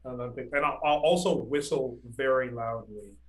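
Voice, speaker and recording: A man's voice: medium pitch, normal speed. A man taking part in a tabletop game as a player, declaring his character's moves with hesitant restarts. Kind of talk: casual game chat.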